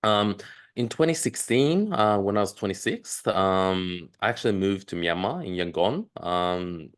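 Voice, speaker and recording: A man's voice: low voice, lively intonation, measured pace, clear, resonant tone. A man in his thirties, raised in Australia, giving a live online presentation with many ums and uhs. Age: 30s. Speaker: webinar presenter.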